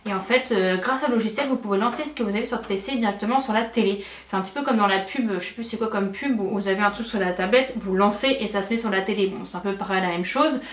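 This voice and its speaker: A woman's voice: medium pitch, fast, few pauses. A young woman beauty vlogger chatting casually and enthusiastically, with many fillers. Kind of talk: casual chat. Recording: echoey room, mic at a distance.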